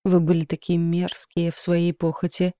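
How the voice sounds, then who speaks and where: A woman voicing an obsessed male stalker with a muffled, hoarse voice, in a storybook reading. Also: on the low side, monotone, normal speed, mellow, no room sound, clean studio sound, lightly acted. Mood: menacing.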